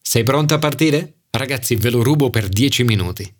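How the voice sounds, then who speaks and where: A man's voice: mid-range voice, expressive, brisk, lightly acted. A man voicing an earnest, practical young woman who pleads and reassures her friend, in an audiobook. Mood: persuasive.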